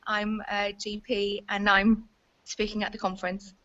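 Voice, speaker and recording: A woman's voice: mid-range voice, monotone, measured pace, a bit bright. A woman with a Northern Irish accent speaking casually as she introduces herself. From Northern Ireland. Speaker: conference speaker, GP. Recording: dull lo-fi video call audio.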